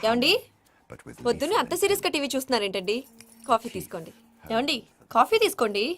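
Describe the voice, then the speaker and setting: An actress playing a fussing, pleading mother in a film comedy scene, loud and theatrical. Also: a little high, big pitch swings, fast talker, very noisy. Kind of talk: Telugu film comedy acting. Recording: film soundtrack with loud music.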